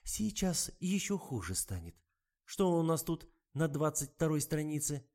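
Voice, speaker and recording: A greedy old woman blackmailer, played by a male audiobook reader, shouts her accusations in a high, strained voice. She drags out her words and keeps pushing, loud and bullying. It is a single reader's audiobook performance. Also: sing-song, a little slow. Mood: shrill accusing. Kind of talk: audiobook reading.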